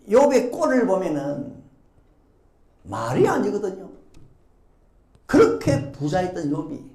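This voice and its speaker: A woman pastor preaching a sermon, telling the story in an animated way and acting out the voices of the people in it. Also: lowish voice, gravelly. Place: church sanctuary. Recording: echoey church hall.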